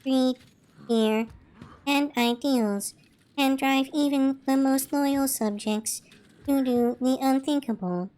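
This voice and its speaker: A woman voicing a cold, mechanically augmented noblewoman from a game, speaking in a formal, measured way. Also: high voice, a little mellow.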